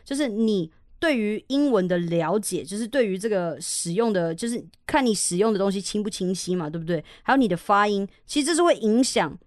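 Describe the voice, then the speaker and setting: A young woman from Taiwan hosts a casual podcast, speaking bluntly and stressing her points, with swearing along the way. Her voice sits at an ordinary middle pitch. The recording is dry and close, with no room sound. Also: animated, brisk, few pauses, no echo. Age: young adult. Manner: frank and emphatic, swears freely. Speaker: podcast host and English teacher.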